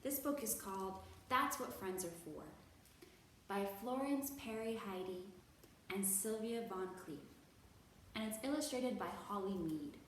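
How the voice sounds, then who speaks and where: Expressive and mid-range, a woman's voice guides a children's library storytime, cheering the kids on as she pronounces key words slowly and with exaggeration. A distant microphone catches heavy room echo and faint noise.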